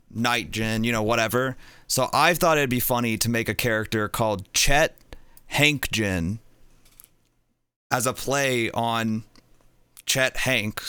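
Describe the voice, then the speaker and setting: A man's voice: medium pitch, bright, forceful tone, smooth, dry recording. A young man streaming a game, chatting casually and rambling, getting distracted as he goes. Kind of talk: casual gaming chat.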